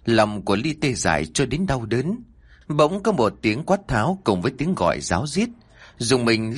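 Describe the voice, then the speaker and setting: A man narrating a dark story in an expressive, emotional way. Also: mid-range voice, husky.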